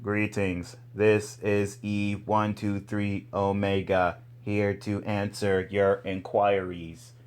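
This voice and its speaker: A man's voice: lowish voice, level tone, slow pace, hardly any pauses, darkish tone, clean tone, pitched below the performer's own voice. A man voicing a formal, stiff male combat robot that speaks literally, for a fan character role-play.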